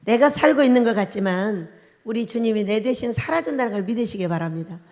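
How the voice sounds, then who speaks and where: High-voiced woman pastor preaching emphatically. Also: animated, quick pace, darkish tone. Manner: emphatic preaching with questions to the congregation. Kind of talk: sermon. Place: church sanctuary at the pulpit. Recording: long church reverb with faint keyboard.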